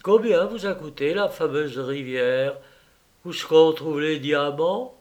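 A man voicing a cool, cunning gentleman thief who talks in a slow, sly drawl. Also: a little high, lightly acted.

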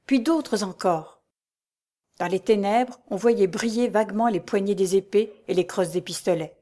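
A woman reading a historical adventure novel aloud as scripted narration. Her delivery is measured and even, with a mid-range pitch typical for a woman. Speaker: audiobook reader.

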